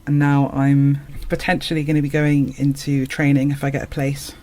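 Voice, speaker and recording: A man's voice: mid-range voice, completely flat delivery, normal speed, darkish tone. Hesitant, thoughtful man speaking as a guest. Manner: thoughtful, hesitant, with many fillers. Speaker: actor and singer guest. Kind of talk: casual conversation.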